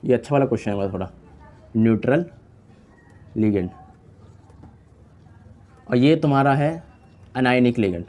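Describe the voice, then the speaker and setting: Young male tutor, mid-pitched, chatty classroom delivery, repeats terms and quizzes himself aloud. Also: expressive, moderate pace, pauses often, a little mellow. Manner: casual, repeats key terms, asks and answers own questions. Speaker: chemistry teacher. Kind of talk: online lecture.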